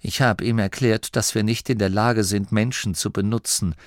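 A man's voice: lowish voice, fairly even intonation, moderate pace, dry recording, lightly acted. A man voicing an earnest young male gnome leader, close to his own reading voice. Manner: earnest, near the reader's own voice.

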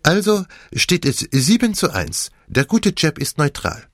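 A man's voice: fairly high pitch, big pitch swings, measured pace, no room sound, clean studio sound, pitched above the performer's own voice. Poirot, a man's raised voice, French-accented. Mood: commanding. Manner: precise, formal, lightly theatrical. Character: fussy, commanding elderly male Belgian detective.

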